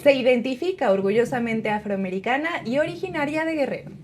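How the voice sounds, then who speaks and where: A woman hosts an interview from a studio, her voice pitched high. She reads a formal introduction before moving into questions. A faint hiss sits under the recording. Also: lively intonation, quick pace, darkish tone. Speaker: interview host. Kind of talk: scripted introduction then interview.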